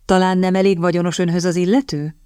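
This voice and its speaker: A woman voicing a quick-witted young woman who speaks in a cutting, impatient way. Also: on the low side, level tone, dark tone, smooth, no echo, clean studio sound, natural voice. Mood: tart.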